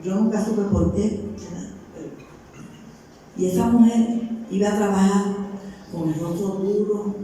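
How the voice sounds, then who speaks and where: A woman's voice: medium pitch, fairly even intonation, slow pace, long pauses, dark tone, slight background noise. A woman pastor preaching a sermon to her congregation, telling personal stories in an earnest way and calling listeners brother. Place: church sanctuary with congregation. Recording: echoey hall from far off, faint music.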